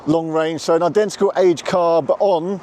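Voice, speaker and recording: A man's voice: a little high, steady tone, normal speed, darkish tone. A man from South London with a matching accent, talking casually as a vlog host, with a slightly raised voice. He chats from a car and a charging stop, and faint street noise sits behind him. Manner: chatty, laughs often, explains step by step. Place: inside a car and at a charging station.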